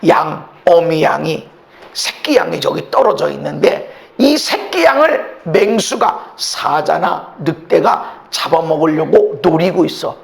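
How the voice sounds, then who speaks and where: A male pastor preaching a sermon with passion, swinging between shouted lines and hushed low ones. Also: expressive, unhurried, gravelly.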